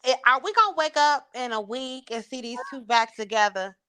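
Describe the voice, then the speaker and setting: A woman's voice: on the high side, normal speed, sharp tone, clean tone. A woman co-hosting a call-in show, talking emphatically and repeating words when she jumps in. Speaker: co-host. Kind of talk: casual radio banter.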